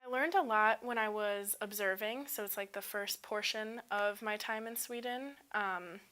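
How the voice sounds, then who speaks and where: A woman's voice: mid-range voice, moderate pace, sharp tone, clear, resonant tone. A young woman in her twenties, a student, talking casually in an upbeat testimonial with frequent ums. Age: 20s. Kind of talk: unscripted testimonial.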